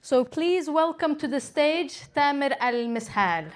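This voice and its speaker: A woman's voice: high voice, lively intonation, measured pace. A woman with a Norwegian accent hosting an event, formally reading an introduction and questions, a little nervous. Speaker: event host and interviewer.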